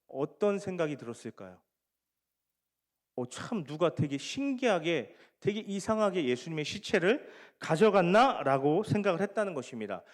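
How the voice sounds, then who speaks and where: A male pastor preaching a sermon to a young congregation, asking them questions and acting out the scripture scenes. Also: high voice. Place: church sanctuary. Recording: long hall reverb.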